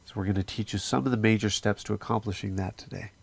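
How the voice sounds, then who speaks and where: A man's voice: on the low side, fairly even intonation, fast, gravelly. A man giving an earnest, conversational scripture lesson, with fillers as he explains. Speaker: religious teacher. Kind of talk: casual scripture teaching.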